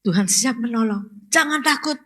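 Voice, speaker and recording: A woman's voice: a little high, normal speed, fairly bright tone. A woman pastor, preaching a sermon and asking the congregation questions, rising to emphatic exclamations.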